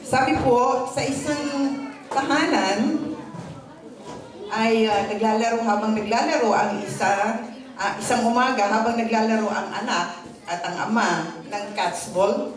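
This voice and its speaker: A woman pastor with a fairly high voice gives a morning sermon and tells a story with polite phrasing. She moves back and forth between Tagalog and English. Her voice rings through a very echoey hall and sounds set back from the microphone. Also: a little slow, long pauses, distant mic, a crowd in the background. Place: church service, morning gathering. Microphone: handheld or stand microphone.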